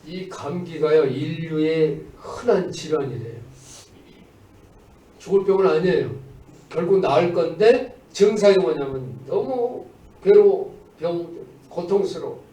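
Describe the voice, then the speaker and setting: A man preaches as pastor at an indoor Sunday service, his voice on the high side, dark in tone, lively in intonation, and a little slow. He exhorts the congregation, mixing emphatic declarations with conversational asides, picked up by a distant mic in the echoey church.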